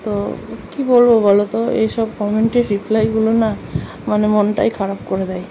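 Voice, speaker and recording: Lady rambling through a cooking vlog, flat mellow voice, fan humming in the kitchen. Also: mid-range voice, moderate pace, poor audio. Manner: chatty, rambling, self-correcting, many fillers. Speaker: cooking vlogger. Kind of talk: casual cooking vlog chat. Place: home kitchen. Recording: fan hum and room noise.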